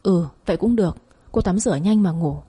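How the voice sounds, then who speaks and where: Woman voicing a gentle soothing sister-in-law. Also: fairly low pitch, fairly quick, husky. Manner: soothing, coaxing.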